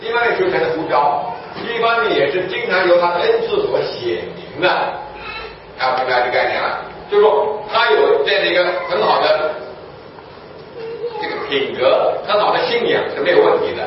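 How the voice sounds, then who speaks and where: A man delivers a sermon in a fairly high voice, teaching his listeners through rhetorical questions that he answers himself. He sounds distant from the mic, in a very echoey room. The recording is dull and lo-fi, with a faint hum of room ambience underneath. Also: animated, moderate pace. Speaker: preacher.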